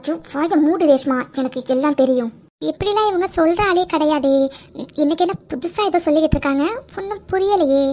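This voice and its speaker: A woman voicing a sly, bossy middle-aged aunt in a cartoon, in a low scolding tone. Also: a little fast, dark tone, close to an everyday voice. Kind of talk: cartoon dubbing.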